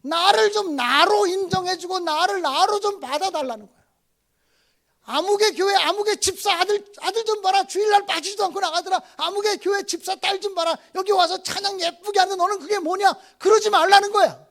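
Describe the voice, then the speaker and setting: Very high-voiced pastor guy, 50s, preaching, acts out family chats, loud then quiet. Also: brisk. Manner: storytelling with swings from loud outbursts to soft asides. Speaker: guest pastor. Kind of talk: revival sermon.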